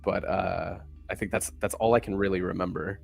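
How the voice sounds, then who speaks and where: A man's voice: low-pitched, steady tone, moderate pace, creaky, darkish tone, soft background music. A man playing in a tabletop game, talking in a hesitant, rambling way full of fillers. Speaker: player. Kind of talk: casual tabletop play.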